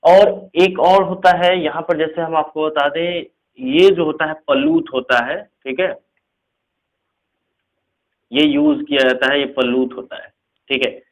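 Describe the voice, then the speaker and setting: A man's voice: fairly high pitch, rough recording. Man teaching, checking in constantly. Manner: repeats "theek hai" as a check-in; explains slowly with repeated examples. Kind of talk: casual spoken lesson.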